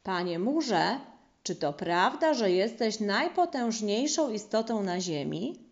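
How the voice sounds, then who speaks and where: A woman voicing an anxious, fussy father mouse in a storybook, calling out loudly and eagerly. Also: medium pitch, very animated, slow, highs cut off, voice pushed up.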